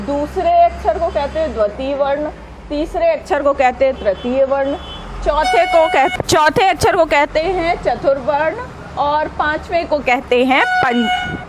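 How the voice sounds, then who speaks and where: High-voiced woman teaching exam-prep grammar. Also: noisy background. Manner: patient, asks and answers own questions; sounds out letters slowly one by one.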